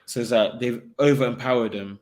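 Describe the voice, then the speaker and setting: A young man in a casual football chat, talking in an animated way with slang and frequent laughter. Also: medium pitch, a little fast. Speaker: football pundit.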